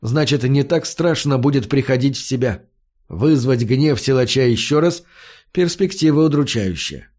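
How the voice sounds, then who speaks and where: A man reading an audiobook aloud as a steady first-person narrator. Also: medium pitch, normal speed.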